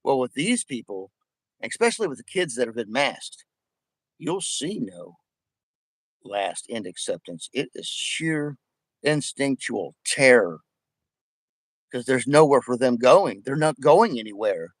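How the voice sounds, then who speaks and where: Agitated man ranting with wide pitch swings. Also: very animated, measured pace, long pauses, dry recording. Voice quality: missing front teeth. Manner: rambling, agitated, emphatic, repetitive. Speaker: vlogger addressing viewers. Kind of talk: casual, profanity-laden rant.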